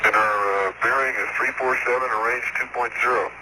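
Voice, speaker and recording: A man's voice: medium pitch, fairly even intonation, brisk. A male astronaut talking over a space radio link, mixing clipped technical callouts with casual observations. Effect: space radio transmission. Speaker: astronaut driving a lunar rover. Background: radio static and noise.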